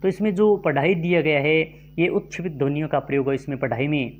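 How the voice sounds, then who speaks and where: A man teaching a grammar lesson for exam prep, reading out quiz questions and options, then explaining each answer slowly. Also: fairly high pitch, narrow, tinny audio, slight background noise.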